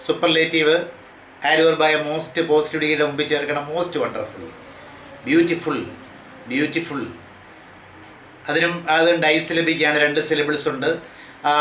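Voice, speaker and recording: Guy teaching grammar in an echoey room, bright slightly high voice, reads rules slow then drills word lists. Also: slight background noise. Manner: reads English rules out slowly, then explains them at a quicker pace; lists word forms one by one in a drilling rhythm. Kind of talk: classroom lecture for exam students.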